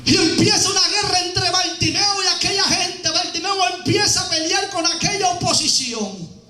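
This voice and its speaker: A man preaching a fiery sermon as an evangelist, shouting and driving his points home with repeated phrases. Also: extremely high pitch, moderate pace. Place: church hall. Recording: echoey church hall with faint music.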